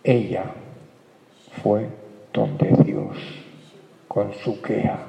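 A male preacher delivering an emphatic sermon, full of rhetorical questions and calls to his brothers. His mid-pitched voice has a gravelly edge. It rings through a church hall with a long, dull echo. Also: big pitch swings, very slow, mellow. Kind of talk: sermon on scripture. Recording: echoey hall, dull sound.

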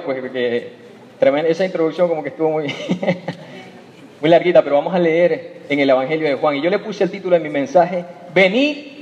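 A man preaches with a high, ringing voice, leaning on "hermano" and acting out small stories to make his point. His voice trails off into the long reverb of a church hall, heard through a dull, muffled recording. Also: a little mellow. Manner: calls listeners "hermano" over and over, tells everyday stories with acted voices. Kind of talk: sermon.

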